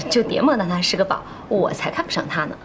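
A woman's voice: mid-range voice, sing-song, fairly quick, background noise, close to an everyday voice. An actress in her twenties playing a pushy, gossipy young woman in a TV drama, brash and nosy. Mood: scornful. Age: 20s. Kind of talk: TV drama acting. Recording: background music.

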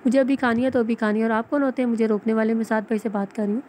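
Lady reading as a huffy stubborn girl in an audio novel, kinda high voice, a bit louder. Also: little pitch movement, very fast, slight background noise, natural voice. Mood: defiant. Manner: defiant, huffy. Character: sharp-tongued stubborn young woman.

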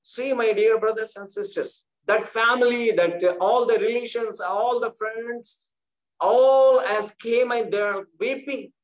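A male pastor preaching a sermon, repeating his phrases and restarting with halting pauses. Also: very high-pitched, poor audio.

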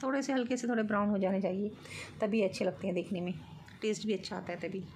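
A woman's voice: medium pitch, fairly even intonation, quick pace, darkish tone. Home cooking vlogger, woman, middle-aged; friendly step-by-step chat, phone-recorded with faint noise. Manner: chatty, explains step by step, light laughs. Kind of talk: casual cooking narration. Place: home kitchen.

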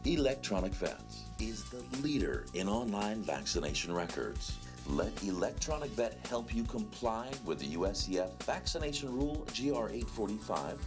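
A male announcer delivers a scripted sponsor message in a smooth, promotional tone, his pitch moving a lot through each line. Clear music plays behind his studio voice-over.

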